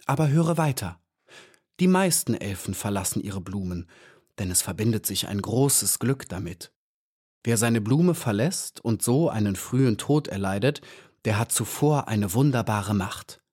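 A man reading an audiobook and voicing a wise male flower elf who speaks calmly and earnestly. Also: fairly low pitch, unhurried, slightly rough. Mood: serene. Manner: calm and earnest.

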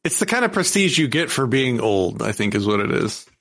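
A man's voice: medium pitch, sing-song, brisk, a bit bright. A man who is a guest on a podcast, explaining a topic in a rambling way with frequent restarts. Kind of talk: casual podcast conversation.

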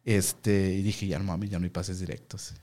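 A young man with a Mexican Spanish accent telling a story in casual interview chat, slangy and animated, acting out the voices of the people he quotes. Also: low-pitched, moderate pace. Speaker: guest.

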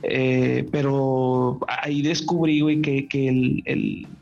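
Chummy host, slightly dull audio. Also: male voice, mid-range voice, flat delivery, slow pace, gravelly, darkish tone. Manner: chummy, slangy, rambling with restarts. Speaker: podcast host. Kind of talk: casual podcast chat.

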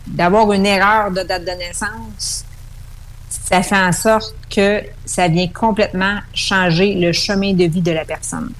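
A woman's voice: medium pitch, steady tone, unhurried, rough recording. A woman with a Québécois accent, calling in over the phone as a radio guest and explaining at length with fillers and restarts. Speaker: numerology guest.

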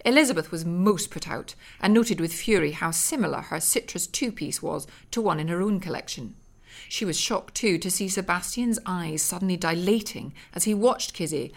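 A woman narrating a comic audiobook, reading outrageous lines in a deadpan way. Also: on the low side, normal speed.

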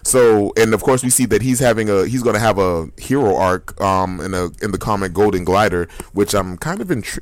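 A man co-hosting a podcast, chatting casually about comics and reacting with animated, high-pitched disbelief. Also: a little fast, hardly any pauses, no echo. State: hiccups. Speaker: podcast co-host. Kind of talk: casual comic book chat.

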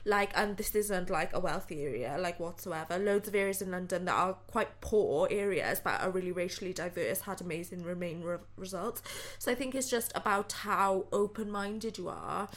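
A woman's voice: fairly low pitch, moderate pace, few pauses. A woman in her twenties with a South Wales Valleys accent, chatting casually and a little hesitantly as an interview guest. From Pontypridd, South Wales. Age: 20s. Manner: chatty, hesitant, laughs readily. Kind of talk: casual chat.

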